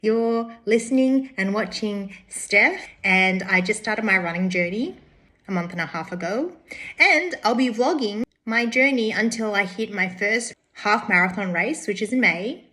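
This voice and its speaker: A woman's voice: medium pitch, lively intonation, unhurried, sharp tone, no room sound, low-quality recording. A woman, chatting casually to camera as a running vlogger, upbeat and self-encouraging. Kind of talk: casual vlog chat to camera. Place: outdoors and in a car after a run.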